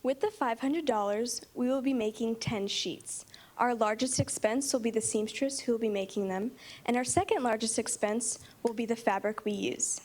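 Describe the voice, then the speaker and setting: A young woman giving a confident, rehearsed startup pitch as one of a team, in a meeting room. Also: moderate pace, a little mellow. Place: meeting room, standing before seated judges.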